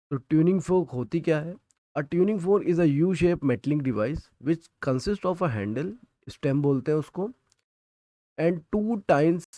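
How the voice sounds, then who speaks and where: A man with an Indian accent teaching a recorded physics lesson, explaining in Hindi and reading out English definitions slowly. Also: medium pitch, warm tone, no echo.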